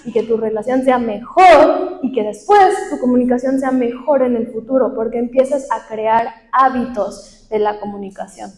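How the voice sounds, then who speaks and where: A woman's voice: a little high, moderate pace, hardly any pauses, a little mellow. A young woman giving a workshop talk to a live group, teaching conversationally and asking the audience questions. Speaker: workshop speaker. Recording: echoey hall with long reverb.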